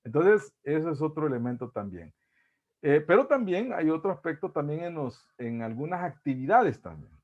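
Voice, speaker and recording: A man with a Salvadoran accent giving an online psychology lecture, halting and repeating words, often ending phrases with a questioning tag. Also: on the high side, sing-song. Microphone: video call. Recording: dull lo-fi video call audio.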